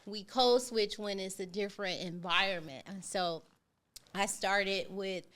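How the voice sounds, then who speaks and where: Woman podcast host, bright tone, animated and emphatic, casual chat. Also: mid-range voice, unhurried, clean tone. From not from the West Coast.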